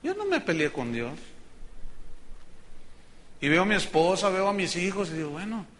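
Guy preaching a sermon, high bright voice, earnest, talks right to the church folks. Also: huge pitch swings, normal speed. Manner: earnest, addresses congregation directly, acts out prayers dramatically.

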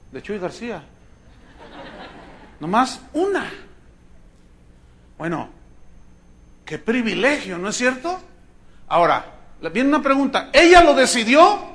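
A man preaching a sermon, explaining Bible verses one by one and often asking his listeners questions. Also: high-pitched. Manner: teaching Bible verse by verse, animated swings in loudness.

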